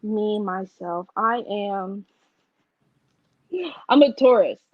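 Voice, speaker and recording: A woman's voice: mid-range voice, drawn-out words, no echo, muffled recording. A young woman from Washington, D.C., a designer chatting casually and laughing as an interview guest.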